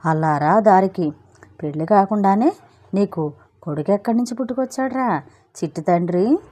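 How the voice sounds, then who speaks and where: A woman's voice: mid-range voice, normal speed, dark tone, natural voice. A woman voicing Chinna, a sarcastic and wary young man who teases his friend. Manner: mocking, wary.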